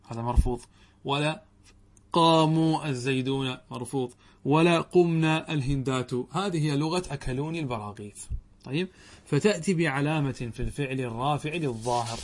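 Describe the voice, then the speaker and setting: A man with a somewhat high-pitched voice teaches a grammar lesson to a class of students. He keeps it animated, throws questions at the class and leans hard on the key words. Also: breathy edge. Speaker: religious teacher.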